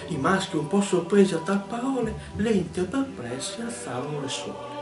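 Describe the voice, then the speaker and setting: Man, theatrical comic verse recital, somewhat high voice, loud music behind. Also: big pitch swings, normal speed, echoey room, distant mic. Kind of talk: reciting a comic rhyming poem. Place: restaurant pizzeria.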